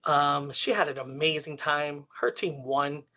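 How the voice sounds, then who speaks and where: An earnest man speaks as an interview guest. His voice sits a touch high and rings bright. He tells stories in an easy, repeating way. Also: a little slow. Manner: earnest, storytelling, repeats phrases. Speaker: guest, senior social club director. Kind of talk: casual interview talk.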